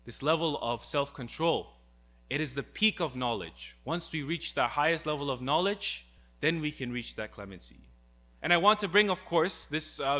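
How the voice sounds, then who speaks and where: A man's voice: fairly high pitch, pushed and bright. A young man giving a religious talk, earnest and full of rhetorical questions as he retells a story. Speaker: speaker.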